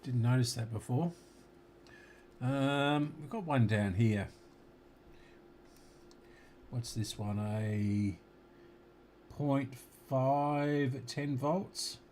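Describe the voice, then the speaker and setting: An Australian man with a mid-range, slightly mellow voice works on a radio at his bench. This electronics repair hobbyist mutters slowly to himself as he works, occasionally with his mouth full, over a little hiss or hum.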